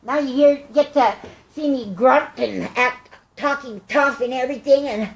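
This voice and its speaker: An older woman with a squeaky, chipmunk-like helium voice, speaking earnestly and haltingly in a rambling personal monologue. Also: creaky. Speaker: vlogger. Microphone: tablet microphone. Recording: echoey room.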